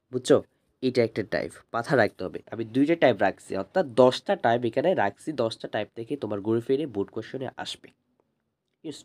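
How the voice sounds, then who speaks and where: Mellow-voiced male physics tutor. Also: mid-range voice. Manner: asks students quick check questions and answers them himself; conversational, reassuring, repeats key points. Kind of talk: online exam-prep lecture.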